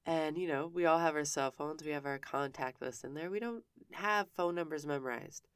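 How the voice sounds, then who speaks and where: A woman with a low voice tells a personal story at a moderate pace, frank and conversational, swearing casually and often breaking off to restart her sentences. The studio-quality recording is clean, with no room sound.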